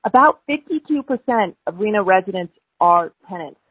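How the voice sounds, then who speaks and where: An American woman speaking as a candidate hosting a live telephone town hall, with a halting delivery full of hesitations, over a phone. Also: mid-range voice, expressive, husky. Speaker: city council member running for mayor, hosting a town hall. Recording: dull, lo-fi telephone line.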